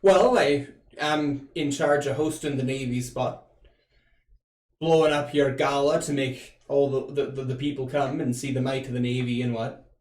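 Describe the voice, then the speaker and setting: A man voicing a gruff old seafaring navy captain who haggles persuasively in a tabletop role-play. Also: medium pitch, fairly even intonation, moderate pace, a little mellow, natural voice. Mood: businesslike. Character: old sea-dog navy captain, wheeling and dealing. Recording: roomy echo.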